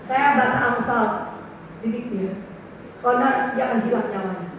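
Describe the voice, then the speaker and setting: A high-pitched middle-aged woman pastor delivers a lively sermon and acts out family dialogue. Her voice rings through a big church hall with long reverb, picked up from far away. A faint hiss sits under it. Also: moderate pace. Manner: lively preaching, acting out family dialogue, calls for amen.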